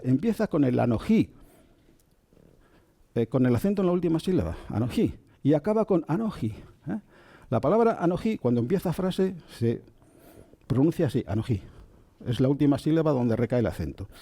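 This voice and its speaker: Calm male lecturer, very mellow tone, lively melodic delivery. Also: fairly high pitch. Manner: slow and gentle, checks in with listeners. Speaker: spiritual teacher. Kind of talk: calm spoken lecture on Kabbalah.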